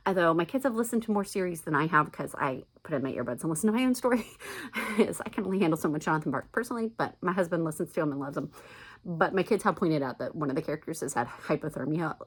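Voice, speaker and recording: Low-pitched and husky, with lively intonation and a fast pace, this middle-aged American vlogger chats casually and emphatically to camera while making recommendations.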